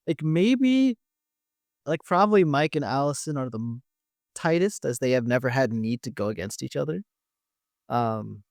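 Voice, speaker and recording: Male podcast co-host, mid-pitch, casual recap chat, dry close sound. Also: no echo. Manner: leads the discussion, restarts phrases.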